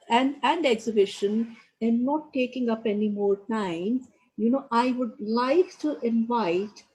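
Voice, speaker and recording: A woman's voice: fairly high pitch, warm tone, low-quality recording. A woman raised in India, leading a community project, giving an earnest speech at a launch event and leaning on "you know" fillers.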